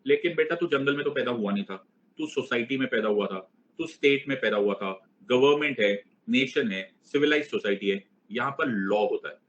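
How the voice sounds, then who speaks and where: A man's voice: mid-range voice, a little fast, fairly bright tone. A male teacher with an Indian accent lecturing a class in a playful, conversational way, mixing in English phrases and acting out his students' replies. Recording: dull lo-fi recording.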